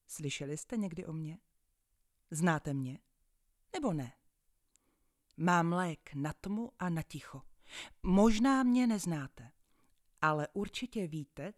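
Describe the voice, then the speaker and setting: A woman telling a children's story in the first person, with a lowish voice that rises and falls in a lively way. She is playful and expressive, and at times she drops to a dramatic hush. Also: no room sound, studio quality.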